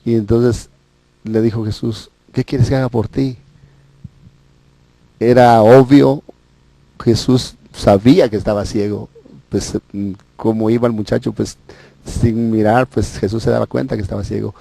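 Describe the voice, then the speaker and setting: Male faith TV guest, gravelly mellow voice, storytelling preacher. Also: fairly low pitch, steady tone, moderate pace, no room sound. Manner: storytelling, retells scripture dramatically with quoted voices. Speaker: religious TV guest. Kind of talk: preaching on a Bible passage.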